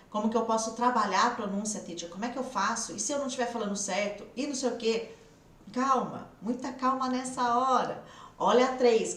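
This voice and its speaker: A woman's voice: fairly high pitch, reverberant, far from the mic. A woman with a São Paulo countryside Brazilian accent teaching an online English lesson, coaxing students with drill questions. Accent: São Paulo countryside Brazilian Portuguese. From interior of São Paulo state, Brazil.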